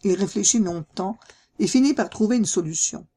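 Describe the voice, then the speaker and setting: A woman narrating a fairy tale in a calm, even storybook reading, lightly voicing the characters' lines. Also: mid-range voice, moderate pace, husky.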